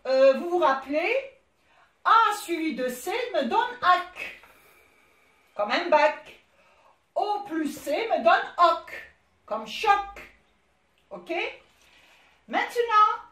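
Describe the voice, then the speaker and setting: Brief: female primary teacher, high voice, very slow and deliberate, spelling out each letter; echoey room. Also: fairly bright tone. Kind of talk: recorded classroom lesson.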